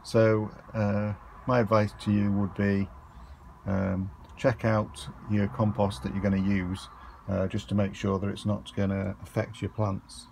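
A man giving a relaxed, hesitant tour of his allotment and greenhouse, filming on a handheld phone outdoors. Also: on the low side, a little slow, creaky, a little hiss or hum. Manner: relaxed, hesitant with many ums and uhs. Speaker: allotment vlogger. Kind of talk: casual garden tour narration.

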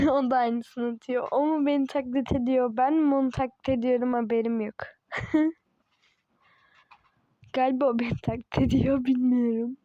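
Woman w a high voice narrating her game slowly, teasing and chatty, kinda muffled dry mic. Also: fairly even intonation, no room sound. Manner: chatty and teasing, laughs often, talks to herself. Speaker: gaming channel host. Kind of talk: casual gameplay commentary.

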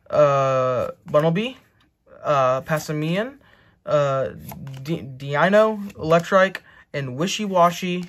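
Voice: medium pitch, fairly bright tone, a little hiss or hum. A co-host chatting casually while opening card packs, rambling and leaning on "like" and "uh". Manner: rambling, heavy on fillers like "like" and "uh".

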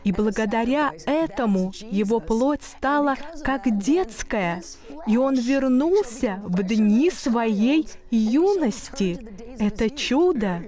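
Higher-voiced woman telling a faith story. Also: animated, slow, warm tone. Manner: earnest, storytelling voice-over. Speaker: guest minister.

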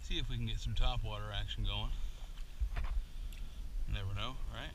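A man's voice: on the low side, steady tone, normal speed, background noise. A man chatting in a rambling, self-deprecating way as he paddles a kayak outdoors, recorded on a boat-mounted action camera. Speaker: kayak angler vlogger. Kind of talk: casual narration while paddling.

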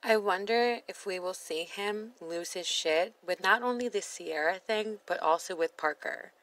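A woman's voice: mid-range voice, a little slow, fairly bright tone, low-quality recording. A woman commenting on a reality show in a sassy, blunt voice-over, swearing freely. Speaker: reaction video host.

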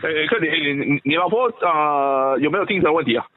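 A man's voice: a little high, brisk, a little hiss or hum. Blunt Malaysian man on a phone line. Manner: blunt, teasing, pushes with questions. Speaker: friend on the call. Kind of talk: casual phone chat.

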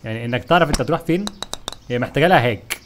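A young man with an Egyptian Arabic accent, commenting on his gameplay in an animated, frustrated way as he talks to his viewers. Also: medium pitch, rapid-fire, background noise. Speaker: gaming YouTuber.

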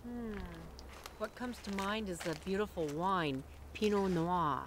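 A middle-aged woman chats casually as she walks through a garden, admiring what she sees and pausing on fillers. Her voice is picked up by a camera mic outdoors, with clear background noise. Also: mid-range voice, expressive, poor audio. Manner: admiring, gentle, with many fillers. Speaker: garden tour guide. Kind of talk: casual walking tour chat. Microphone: camera held by companion.

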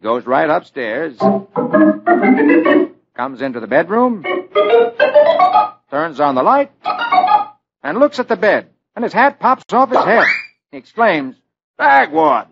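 A man hosting a children's radio show in 1950s storytelling style, reading the comics with lively, playful narration. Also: a little high, takes it slowly, pauses often, dull audio, faint music behind. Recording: scratchy old radio recording.

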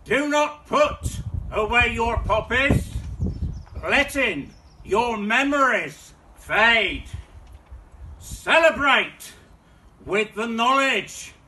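A British man performing a town crier's cry outdoors, declaiming a loud ceremonial proclamation in short, measured phrases. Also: very high voice, lively intonation, slight background noise. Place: outdoors in a paved back garden. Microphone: phone or camera several metres away.

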